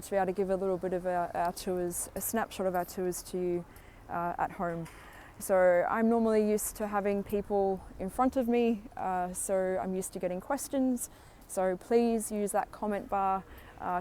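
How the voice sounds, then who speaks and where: Recorded on her phone outdoors on a sunny street, a tour guide in her thirties from Australia talks through a live walking tour with lots of "uh" fillers. She has an Australian accent and a medium-pitched, slightly mellow voice, with slight background noise.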